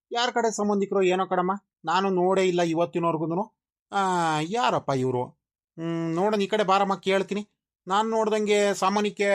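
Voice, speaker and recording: Man as courteous elder brother, cartoon, calming, high, brisk. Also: natural voice. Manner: polite, soothing.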